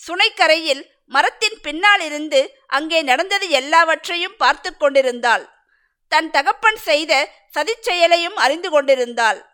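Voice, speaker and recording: Storybook narrator: woman, bright and sharp tone, dramatic measured reading. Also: high-pitched, lively intonation.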